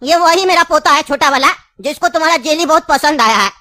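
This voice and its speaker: A woman's voice: sits high, a little fast, pushed and bright, no room sound. A woman voicing a talkative, scheming old grandfather in a cartoon, telling long rambling stories. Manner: long rambling storytelling, insistent.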